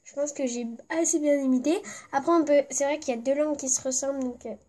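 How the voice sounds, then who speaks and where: A woman with a stuffy, congested voice from a cold chats casually to her viewers. Her voice sits high, and she rambles from one thought to the next, padding her sentences with fillers. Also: steady tone, fast, darkish tone. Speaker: vlogger. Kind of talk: casual vlog chat.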